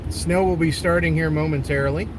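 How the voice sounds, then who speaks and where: Casting: male storm-chasing streamer, fairly high voice, off-the-cuff conversational delivery, noisy car interior. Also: fairly even intonation, brisk. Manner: conversational, hesitant phrasing. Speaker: livestreaming storm chaser. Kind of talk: casual live commentary. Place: in a car on the road. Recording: noisy vehicle interior, road noise.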